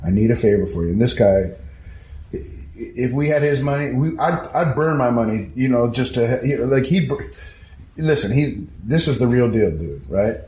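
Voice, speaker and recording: A man telling a story in casual conversation, animated and profane, acting out other people's voices as he goes. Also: medium pitch, moderate pace, a little hiss or hum. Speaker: guest storyteller. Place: house interior. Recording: echoey room, faint ambience.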